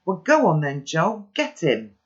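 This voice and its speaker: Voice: medium pitch, huge pitch swings, a little slow, highs cut off. A reader voicing a terrified teenage girl who shrieks and trembles as she begs. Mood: shrill.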